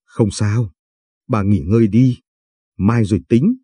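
A man reading the lines of a calm, kind female doctor who reassures her patient gently. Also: on the low side, takes it slowly, breathy edge, no room sound, studio quality. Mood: reassuring.

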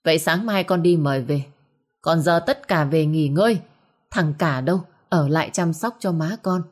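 A woman's voice: low voice, normal speed. A woman voicing a stern, commanding older village patriarch who speaks curtly.

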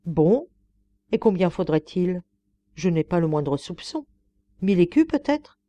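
A woman reader voicing a grand, generous stage tragedienne who talks briskly and commandingly in an audiobook. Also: on the low side, very animated, dark tone.

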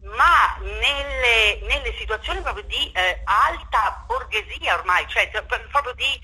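Her voice a little high, with lively intonation and a pushed, bright quality, a theatre director speaks unhurriedly in an impromptu radio interview. She's impassioned and emphatic, repeating words and seeking agreement, and the recording is rough.

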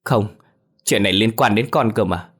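A man's voice: lowish voice, moderate pace, fairly bright tone, slightly rough. A man voicing a resolute young daughter who speaks coldly and firmly in an audio ghost story. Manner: cold and firm.

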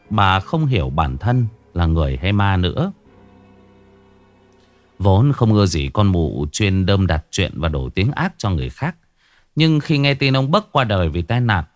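A man narrating a ghost story as a storyteller, telling it in a dramatic, expressive way. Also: fairly low pitch.

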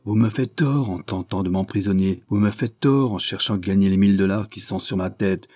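A man's voice: deep voice, fairly quick, mellow, dry recording, studio quality. A man voicing a defiant grown leper outlaw in an audiobook, speaking in a threatening way.

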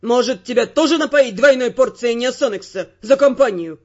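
A woman's voice: fairly high pitch, moderate pace, dull audio, close to an everyday voice. A woman voicing an angry young male spy partner in an audiobook reading. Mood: furious. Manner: indignant, shouting.

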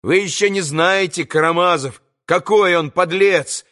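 A man's voice: high voice, measured pace, a bit bright. A man voicing an eager, mocking older schoolboy who talks insistently.

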